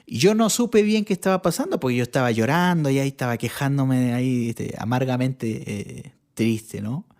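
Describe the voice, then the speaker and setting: A man's voice: mid-range voice, normal speed, darkish tone. A man from Chile, a podcast guest, telling a personal testimony in casual conversation, earnest and reflective, often restarting his sentences.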